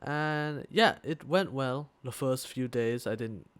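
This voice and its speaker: Speaking slowly in a smooth, somewhat bright mid-range voice on a dry recording, a young man co-hosts a relaxed podcast. His storytelling rambles, with frequent swearing, fillers and restarts. He resides in Thailand and is a student there.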